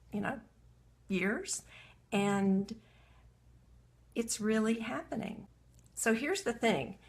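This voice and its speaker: A woman with a gravelly edge to her voice leads a live coaching talk at an unhurried pace. She speaks earnestly and reflectively, reading entries aloud from her journal as she guides a writing exercise. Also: medium pitch. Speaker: coach for women entrepreneurs.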